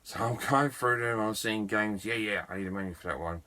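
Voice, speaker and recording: Guy vlogging about his game haul, lowish voice, chatty and keen, laughs at himself. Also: brisk, pushed and bright. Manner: chatty and enthusiastic, self-mocking. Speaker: video game collector vlogger. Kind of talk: casual storytelling to camera.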